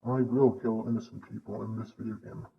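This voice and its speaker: A man's voice: lowish voice, flat delivery, a little fast, creaky, husky, full character voice. A man as a voice-changed menacing imposter. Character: self-proclaimed male imposter alter ego, menacing. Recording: lo-fi gameplay clip with loud noise.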